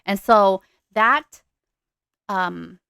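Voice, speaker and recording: A woman giving a recorded nursing pharmacology lecture. She talks deliberately and stresses the key terms as she explains them. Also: mid-range voice, creaky, pushed and bright, smooth, dry recording.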